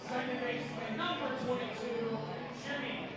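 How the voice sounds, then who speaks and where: A man's voice: very high-pitched, steady tone, moderate pace, over loud music. A man announcing the batter over a stadium PA system, stretching out the name in a rising announcer delivery at an outdoor ballpark. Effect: heard over a stadium PA system. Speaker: stadium public address announcer. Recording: echoey PA from far off over a crowd. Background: crowd noise.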